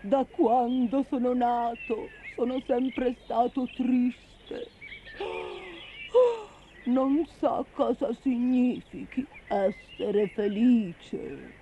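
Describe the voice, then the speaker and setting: Brief: melancholy storybook creature, sighing and mournful, put on by a woman; dragging, plain pitch, thin line sound. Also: steady tone, extremely slow, slight background noise. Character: gloomy male creature, sad and sighing. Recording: tinny phone-like recording.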